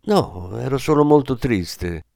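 A man's voice: medium pitch, animated, takes it slowly, creaky, dark tone, no room sound, clean studio sound, voice pushed up. A man voicing a curious, thoughtful ten-year-old boy in an audiobook, asking earnest questions. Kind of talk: audiobook reading.

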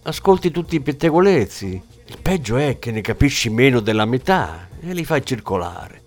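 A man's voice: mid-range voice, sing-song, normal speed, faint music behind. A man voicing a hard-boiled, contemptuous police inspector in an audiobook, speaking in a scornful, cutting way.

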